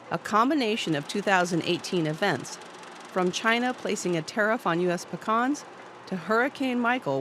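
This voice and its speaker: A reporter reading scripted news narration in a steady, measured way. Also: medium pitch, slight background noise.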